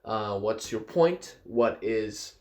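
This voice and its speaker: A young Argentine man whose first language is Spanish gives casual advice straight to the camera as a vlogger. His voice is fairly low, expressive and a little mellow. He sounds earnest and encouraging, at times slowing down and stressing his words.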